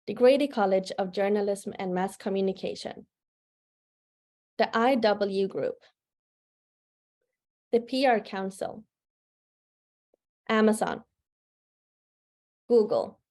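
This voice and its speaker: A woman's voice: mid-range voice, warm tone. A woman presenting an event, giving a scripted welcome in a formal, prepared way. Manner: formal, reads prepared remarks. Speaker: museum associate director, event presenter.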